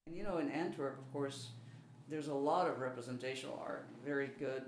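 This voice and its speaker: A mature Belgian-accented woman whose native languages are French, German and Dutch is interviewed as an artist, speaking casually in a hesitant, modest, self-deprecating way. Her voice is extremely low and fairly quick. The room sounds roomy, with faint background noise.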